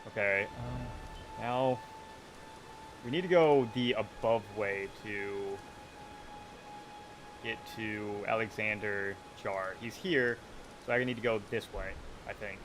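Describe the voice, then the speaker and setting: A man's voice: on the low side, takes it slowly, long pauses, noisy background. A man giving casual, chatty commentary while streaming a video game, talking to himself and joking along the way. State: hiccuping.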